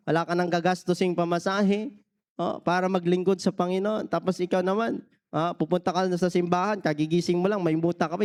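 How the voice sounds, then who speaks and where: A man's voice: high-pitched, smooth. A man from the Philippines preaching a sermon as pastor, mixing English phrases into his talk and often asking the congregation to answer back. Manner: peppers every point with questions to the congregation.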